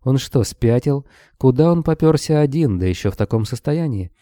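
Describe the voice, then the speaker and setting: A man's voice: medium pitch, expressive, moderate pace, warm tone, no room sound, voice pushed up, natural voice. A man voicing a tough young woman monster hunter who speaks sharply and scolds. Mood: angry.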